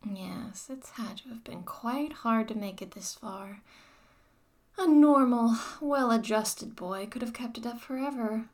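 A woman playing a mocking, controlling former dominatrix in a whispered audio roleplay, talking to the listener in a slow, taunting way. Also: mid-range voice, natural voice.

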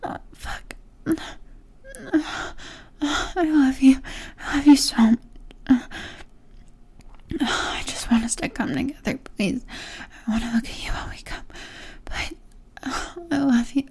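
A woman performing an intimate audio roleplay in a soft, breathy whisper. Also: high-pitched, slow, pauses often.

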